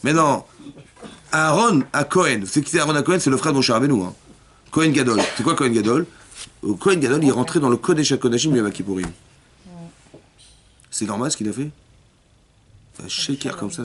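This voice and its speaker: A rabbi teaches a Torah lesson for women at a rapid clip, circling back on his points and pausing to ask whether everyone understood. His voice sits at an ordinary middle pitch for a man. He slips into short acted-out exchanges to illustrate what he means. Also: expressive, crowd noise. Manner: rapid, repetitive, often checks if listeners understood; acts out dialogues within his explanations.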